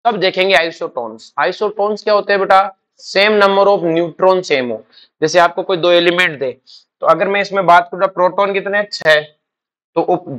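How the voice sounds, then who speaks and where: A man's voice: sits high, pushed and bright. A male chemistry teacher lecturing in class, firing questions and answering them himself, calling students "beta". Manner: quizzing students with repeated questions.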